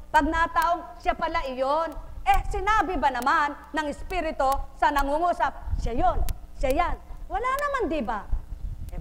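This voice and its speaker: A woman's voice: high-pitched, fairly bright tone. A woman preaching a sermon, asking her congregation rhetorical questions and acting out everyday gossip to make her points. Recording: live stream with long hall reverb and faint noise.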